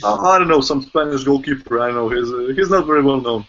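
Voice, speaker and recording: A man's voice: medium pitch, fast talker, fairly bright tone. Easygoing male panelist on a call. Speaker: correspondent panelist. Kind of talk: casual panel discussion. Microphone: video call. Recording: muffled online call audio.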